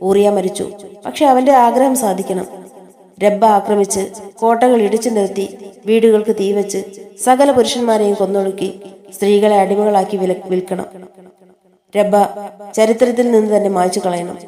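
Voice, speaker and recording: A woman reading the lines of a stern male royal official issuing war orders from a play script, in an even reading voice. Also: mid-range voice, normal speed, long pauses, natural voice. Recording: echoey room.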